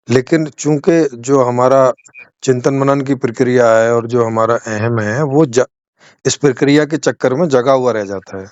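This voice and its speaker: A man's voice: medium pitch, a little mellow, dry recording, lo-fi sound. Attentive man host on a video call. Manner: attentive, frequent short acknowledgements. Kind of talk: casual conversation.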